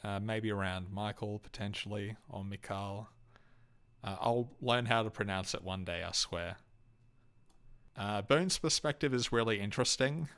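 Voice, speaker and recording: A young Australian man rambles through his opinions in a loose, halting way, full of ums, uhs and restarts. His voice sits a little low and comes across smooth and clean. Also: a bit bright. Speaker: YouTube host ranking game companions. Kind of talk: casual unscripted commentary.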